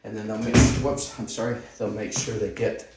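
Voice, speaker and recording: A man acting as landlord, narrating a walkthrough video of an empty house in a slow, halting way with plenty of pauses. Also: lowish voice, flat delivery. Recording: roomy echo with faint noise.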